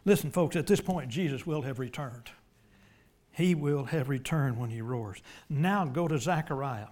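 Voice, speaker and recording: A man preaching a sermon, emphatic and folksy, swinging from loud declarations to hushed asides. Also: mid-range voice, moderate pace.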